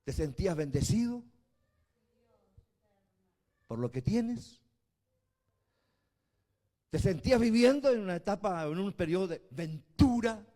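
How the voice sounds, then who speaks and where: A man preaches a sermon as a bishop, his voice sitting high for a man. He slows down to spell out words, then climbs into loud, shouted emphasis. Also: lively intonation. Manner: swings from quiet to shouting emphasis.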